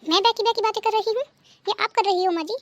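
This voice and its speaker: A woman's voice: extremely high pitch, fairly even intonation, fairly quick, a bit bright, no room sound. A woman voicing a hurt, defiant elder daughter-in-law in a cartoon. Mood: indignant. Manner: indignant, hurt. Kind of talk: cartoon dubbing.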